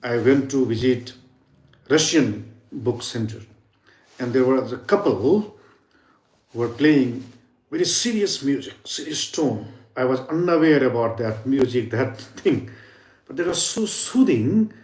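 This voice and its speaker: A man's voice: mid-range voice, animated, measured pace, darkish tone, echoey room. A man giving an earnest spiritual talk on sound healing, often dropping to near whispers for emphasis. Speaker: yoga and sound healing teacher. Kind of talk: informal spiritual teaching talk.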